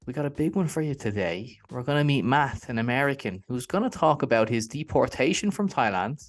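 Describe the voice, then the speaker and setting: A man's voice: medium pitch, expressive, fairly quick. Chatty male interview host. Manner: friendly, chatty, upbeat. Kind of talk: casual interview.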